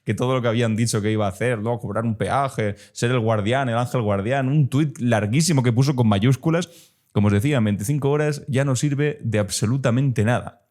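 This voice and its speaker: A man's voice: medium pitch, brisk, a little mellow. A man from gives exasperated, sarcastic commentary on video clips, with many fillers. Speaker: political commentator.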